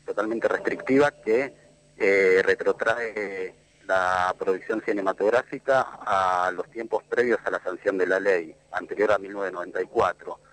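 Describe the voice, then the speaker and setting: Un hombre con acento argentino habla desde el teléfono en un tren, con la señal que se corta a ratos, explicando con seriedad y muchas pausas con "eh". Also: male voice, low-pitched, fairly even intonation, a bit bright. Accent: Argentine Spanish. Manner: earnest, measured, many "eh" fillers. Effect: phone call from a moving train, signal cutting out. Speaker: guest caller. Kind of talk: phone interview commentary. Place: on a train. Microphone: phone.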